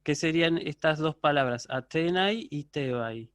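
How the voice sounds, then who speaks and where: A man's voice: a little high, unhurried, a bit bright, clear, resonant tone, no echo, studio quality. A man teaching a university Greek class over a video call, patiently checking in with his students. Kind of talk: online lecture.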